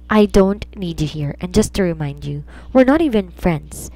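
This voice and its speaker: A woman's voice: on the low side, expressive, measured pace. A woman voicing an angry, drunk young man who coldly pushes a woman away in an audio romance story. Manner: cold, cutting, shouting.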